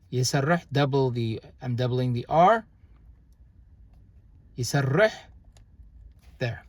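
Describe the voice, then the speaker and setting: A young language teacher gives a casual, unhurried grammar explanation in a medium-pitched voice. The recording is dry, and his speech halts often with fillers and restarts.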